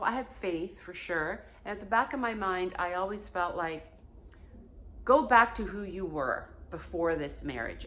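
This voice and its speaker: A Portuguese-born vlogger in her fifties delivers a candid personal monologue from home, frank and emphatic and swearing casually. Her voice is medium-pitched with a fairly bright tone, over slight background noise.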